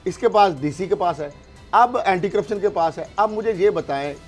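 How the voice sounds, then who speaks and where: A man with a Pakistani accent breaks into a heated political discussion, pushing his argument emphatically through rhetorical questions. His high voice is animated at normal speed, with faint music behind.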